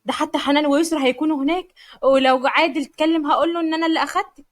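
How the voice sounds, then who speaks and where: A woman's voice: sits high, steady tone, very fast, voice pushed up, close to an everyday voice. A woman with an Egyptian accent voicing a scheming, coaxing mother-in-law in a spoken story. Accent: Egyptian Arabic.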